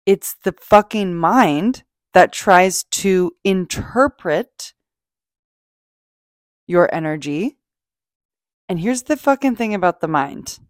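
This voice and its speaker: Woman, lowish pitch, dry close sound, casual self-help podcast host, emphatic, gushing, sweary, unscripted. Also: animated, slow, long pauses, no room sound.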